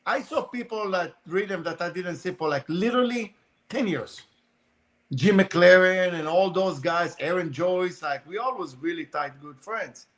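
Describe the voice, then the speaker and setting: A man with a high, bright, forceful voice talks in a loose, rambling way, piling up fillers like "you know" and "like" as he tells racing stories. It is casual podcast conversation, animated and unpolished. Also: normal speed. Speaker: guest, RC car racer.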